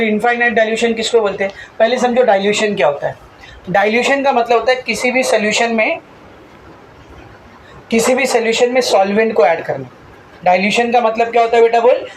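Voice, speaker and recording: A man's voice: sits high, low-quality recording. A male chemistry teacher lectures a class and drills them in call-and-response fashion. He throws out a question and supplies the answer himself, again and again, and speaks to his students fondly as "beta". A faint noise sits behind his voice. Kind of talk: classroom lecture mixing Hindi and English terms.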